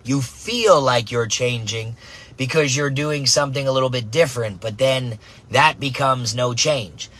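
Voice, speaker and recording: Recorded in a car, a softball coach gives an energetic motivational monologue, capping his points with "right?" and "man." His voice is medium-pitched and husky, and he speaks a little slowly.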